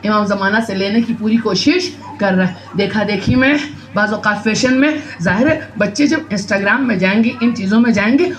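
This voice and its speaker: A woman preacher giving an emphatic sermon to women at a religious gathering, asking rhetorical questions and repeating phrases. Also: a little high. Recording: echoey hall with faint noise.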